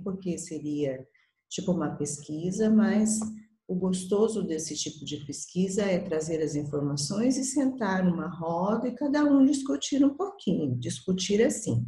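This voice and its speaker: A woman with a Brazilian accent guides young pupils through a lesson slowly and patiently, her low, mellow voice rising and falling a lot as she coaxes them along. She often checks that they are following, and the sound carries an echoey room around her. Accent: Brazilian Portuguese. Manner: patient, coaxing, uses small diminutives and checks in often. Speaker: primary school teacher. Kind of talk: recorded class for young children.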